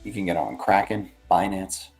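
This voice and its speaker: A man's voice: sits low, normal speed, a little mellow, soft background music. A man hosting a livestream with casual, slangy market commentary, rambling along and tagging phrases with "right" and "man". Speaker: livestream host.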